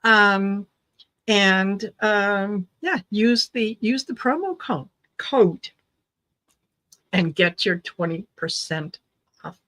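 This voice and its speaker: Slow-talking, chatty middle-aged woman. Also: medium pitch, a bit bright. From Croatia, raised in Canada. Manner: chatty, hesitant with frequent ums and restarts, laughs easily. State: recovering from low blood sugar, tired. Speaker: tarot reader and livestream host. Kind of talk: casual livestream chat with viewers.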